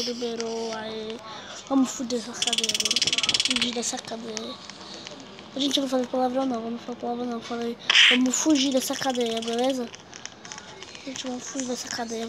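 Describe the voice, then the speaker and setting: Female gaming host, Brazilian Portuguese accent, high voice, dramatic and chatty, loud game noise behind. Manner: chatty, dramatic, keeps addressing viewers. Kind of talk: excited gameplay commentary.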